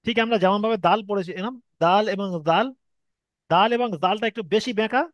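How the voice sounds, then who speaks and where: Man, Bengali accent, high voice, dry close sound, patient step-by-step teacher. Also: quick pace, no room sound, muffled recording. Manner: patient, explains step by step, drags out vowels to demonstrate. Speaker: Arabic reading teacher. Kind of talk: online Quran reading lesson.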